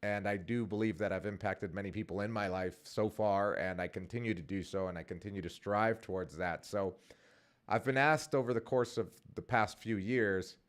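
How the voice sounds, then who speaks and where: A man in his forties, a vlogger and podcast host, speaks at a normal speed in a lowish voice. He's hosting his own vlog, talking casually and rambling, with plenty of fillers and restarts.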